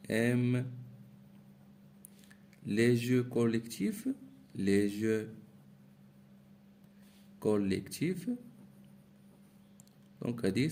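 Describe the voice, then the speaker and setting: Slow man teaching grammar. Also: medium pitch, creaky, dark tone, a little hiss or hum. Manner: slow, repeats phrases, mixes French with Moroccan Arabic words. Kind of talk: grammar lesson walkthrough.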